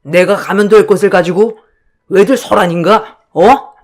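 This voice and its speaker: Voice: mid-range voice, moderate pace, soft background music, lightly acted. A woman doing a humble, apologetic old father. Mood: placating. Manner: soft-spoken, conciliatory. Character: humble older working father, gentle and apologetic.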